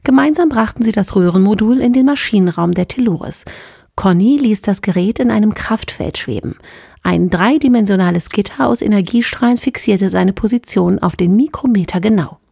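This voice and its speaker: A woman narrating a science fiction audiobook in a clear, even storytelling manner. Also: medium pitch, normal speed, dry recording, studio quality. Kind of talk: scripted narration.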